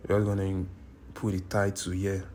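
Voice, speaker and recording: This Nigerian YouTube tutorial maker speaks low and monotone at a normal pace, his voice slightly mellow over faint background noise. Sitting indoors at his computer, he narrates a screen recording, insistently repeating points and fixing his wording as he goes.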